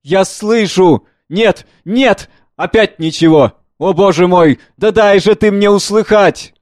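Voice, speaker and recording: A man reads the part of a seventy-year-old gardener who is nearly deaf, stubborn and frantic. He shouts in a high, cracking old voice. The recording is close and dry, with no room sound. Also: normal speed, no echo, close to an everyday voice. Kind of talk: dramatic play reading.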